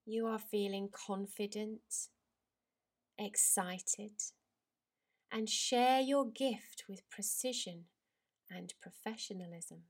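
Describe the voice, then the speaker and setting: A woman yoga teacher leading a guided relaxation in a slow, soft, soothing voice that drifts into whispers. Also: medium pitch, fairly even intonation.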